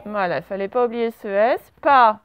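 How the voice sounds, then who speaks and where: A woman leads a dictation lesson for young pupils, drawing out each word and spelling it syllable by syllable. Her voice sits high and her pace is unhurried. The recording sounds dull and muffled. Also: animated. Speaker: primary school teacher.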